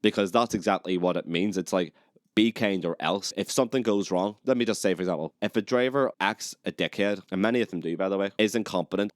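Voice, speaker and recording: A young man with a low, deep voice holds forth alone as a podcast host. He rants with biting sarcasm and swears freely, and the sound is dry and close, with no room around it. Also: no echo. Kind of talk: opinionated solo monologue.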